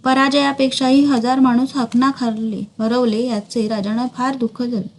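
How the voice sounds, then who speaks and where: A woman's voice: on the high side, little pitch movement, normal speed, slight background noise. A woman steadily reading a historical novel aloud as narrator.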